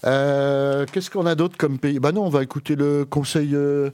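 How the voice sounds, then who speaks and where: A man's voice: on the high side, steady tone, moderate pace, a little mellow, clean tone. A man hosting a radio show in casual banter, playful and chuckling, with hesitant fillers.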